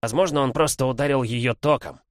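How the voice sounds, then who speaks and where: A man doing a calm, technical eagle. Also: medium pitch, fairly quick, no echo, studio quality, voice pushed up, close to an everyday voice.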